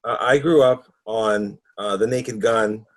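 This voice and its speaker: A man's voice: on the low side, unhurried. A man chatting on a podcast, candid and dry as he explains why a classic comedy leaves him cold. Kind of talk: casual film discussion.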